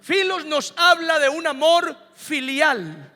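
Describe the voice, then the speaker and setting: A pastor preaching emphatically, repeating key words and asking the congregation questions. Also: male voice, very high voice, big pitch swings, slow pace, sharp tone, long reverb tail, soft background music. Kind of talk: sermon.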